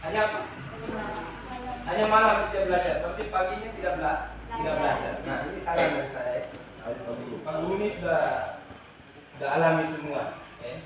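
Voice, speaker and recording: A man's voice: on the high side, a little fast, pauses often, over a noisy crowd. A man teaching a class of pupils, asking questions and repeating himself with many restarts and "ya" tags. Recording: echoey, from far off, noisy.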